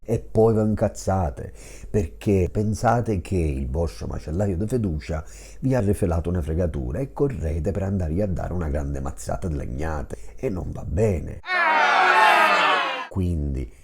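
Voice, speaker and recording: A man's voice: sits low, lively intonation, measured pace, warm tone, slight background noise. A man with a Sicilian accent giving casual cooking tips in a colloquial, playfully dramatic manner.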